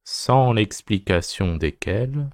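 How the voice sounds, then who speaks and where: A man's voice: fairly low pitch, animated, slow pace, no room sound, studio quality. A man dictating a text as a teacher, phrase by phrase, repeating each short phrase and speaking the punctuation aloud.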